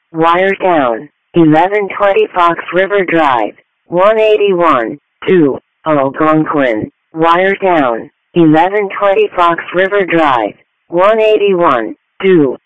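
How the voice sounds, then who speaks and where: High-pitched male dispatcher on narrowband radio. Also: lively intonation, slow, dry recording. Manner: clipped, itemized reading. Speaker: emergency dispatcher. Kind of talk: repeated dispatch announcement. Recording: thin, phone-like radio broadcast.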